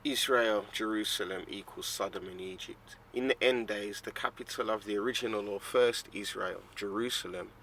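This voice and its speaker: A man narrating a teaching video, reading scripture passages aloud in a measured way. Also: on the low side, slight background noise, rough recording. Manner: steady, measured reading of quoted texts. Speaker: preacher narrating.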